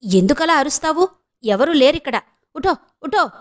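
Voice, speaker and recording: A woman's voice: high-pitched, animated, normal speed, pitched above the performer's own voice. A woman voicing a kindly male Gurkha watchman who mixes broken Hindi into Telugu in a fatherly way.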